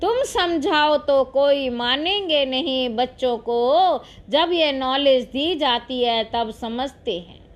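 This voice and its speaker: A woman reading a devotional discourse aloud in a slow, measured preaching manner. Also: high voice, lo-fi sound. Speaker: spiritual reader.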